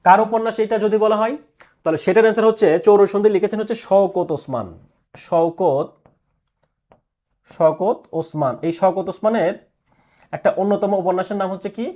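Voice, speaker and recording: A male teacher giving an exam prep lecture, asking questions and answering them himself, repeating key answers slowly. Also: high-pitched, warm tone.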